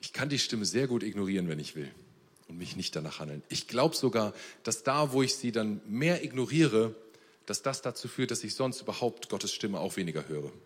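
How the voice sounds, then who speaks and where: A man's voice: on the low side, expressive, brisk, slightly rough. Man preaching in a reverberant church hall. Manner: earnest, swings between soft and emphatic. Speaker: pastor. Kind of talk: sermon. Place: church service.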